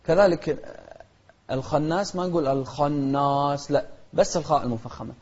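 A man teaching Quran recitation rules, switching between quick explanations and slow, chanted example verses. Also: a little high, darkish tone. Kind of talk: tajweed lesson with recited examples. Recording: dull lo-fi recording.

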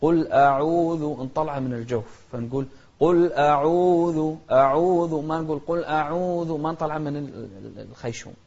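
A man gives a patient recitation lesson, darting through explanations and then slowing to chant each example carefully. His voice is soft and mellow, captured on a dull, lo-fi recording. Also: on the high side. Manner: patient, demonstrates pronunciation with slow chanted examples and quick explanations. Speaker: Quran recitation teacher.

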